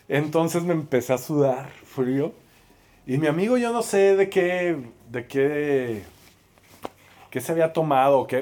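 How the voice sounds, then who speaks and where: A man with a Mexican accent preaching through a lively, self-mocking story, acting out the voices of the people in it. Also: medium pitch. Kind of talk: storytelling sermon.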